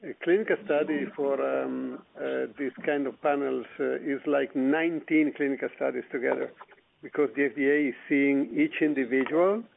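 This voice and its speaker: A man, a company executive, answering analyst questions on a conference call in a measured, hesitant way. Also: medium pitch, gravelly. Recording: tinny phone line.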